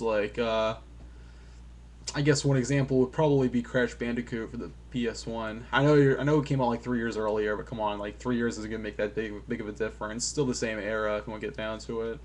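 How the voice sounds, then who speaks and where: Male vlogger reviewing an old game off the cuff; loose, self-deprecating, filler-heavy delivery, average pitch. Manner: swears casually. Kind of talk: casual rambling game review.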